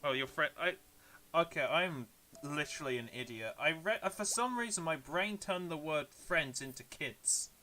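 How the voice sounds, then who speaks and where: A man's voice: a little high, expressive, normal speed, bright, forceful tone, slight background noise. A British man streaming a game, chatting casually with viewers in a rambling, self-deprecating way. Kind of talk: casual live-stream chat, answering viewers.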